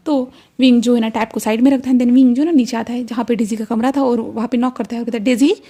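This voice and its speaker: Mellow-voiced woman retelling a story. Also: a little high, steady tone, fast talker. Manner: conversational, with frequent fillers. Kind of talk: casual fan fiction retelling.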